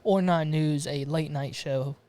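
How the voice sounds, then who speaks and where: A Romanian man hosts a podcast from his garage studio, his fairly high voice warm, clean, steady, and a little slow. The casual chat rambles along as he restarts frequently and laughs often.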